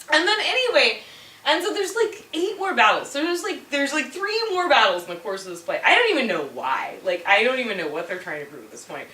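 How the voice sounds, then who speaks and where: A woman's voice: high voice, sharp tone. A drunk young woman giving a rambling, slangy comic retelling, often laughing. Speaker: storyteller. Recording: echoey room, mic at distance, faint music.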